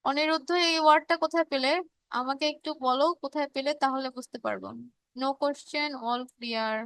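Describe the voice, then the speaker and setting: A woman with a high, bright voice and a Bangladeshi Bengali accent teaches a live online revision class. She explains step by step, pausing on fillers and restarts, and reads students' chat messages aloud. The recording is close and dry, with no room sound. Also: fairly even intonation, no room sound.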